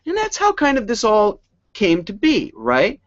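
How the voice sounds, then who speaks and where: A man telling a personal story in an animated presentation, excitable and rambling, often laughing and breaking off mid-sentence. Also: sits high, unhurried, no echo. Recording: dry, slightly dull sound.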